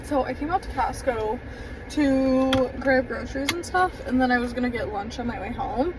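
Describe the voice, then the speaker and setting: A woman's voice: sits high, normal speed. A young woman talking casually to her phone camera in a vlog, rambling along with lots of fillers. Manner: chatty, rambling with many fillers. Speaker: vlogger. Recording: noisy, with vehicle sounds.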